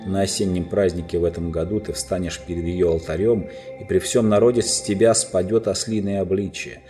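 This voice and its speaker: A man voicing a huge, calm, majestic lion in a storybook reading, speaking slowly and solemnly. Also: faint music behind, lightly acted. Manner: slow, low, solemn.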